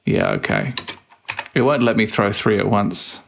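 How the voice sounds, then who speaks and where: A man's voice: fairly low pitch, huge pitch swings, a little slow, creaky, a bit bright, slight background noise. A man hosting a let's play, playfully muttering his typed game commands aloud in casual commentary.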